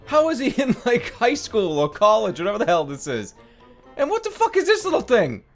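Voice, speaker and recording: A man's voice: sits high, huge pitch swings, brisk, faint music behind. A man giving casual gameplay commentary in a sarcastic, incredulous, foul-mouthed way. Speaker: gaming video host.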